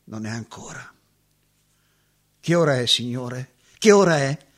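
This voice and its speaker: A lonely, haunted man who mourns a lost love. He tells his story slowly and wistfully. His pitch swings widely as the feeling shifts, in the manner of a stage drama. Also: animated, a bit bright. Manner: wistful storytelling with sudden anguished outbursts.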